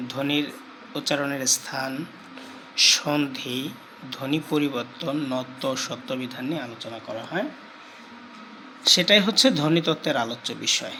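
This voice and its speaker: A male teacher giving a grammar lesson, repeating key terms slowly and asking questions he answers himself. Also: fairly high pitch, lively intonation, pushed and bright, a little hiss or hum, poor audio.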